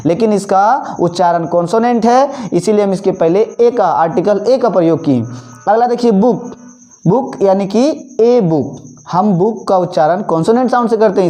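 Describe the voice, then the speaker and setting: A man teaching an English grammar lesson, repeating each example word slowly and asking questions that he then answers himself. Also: high voice, dark tone. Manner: asks the class questions and answers them himself. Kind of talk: classroom-style grammar lesson.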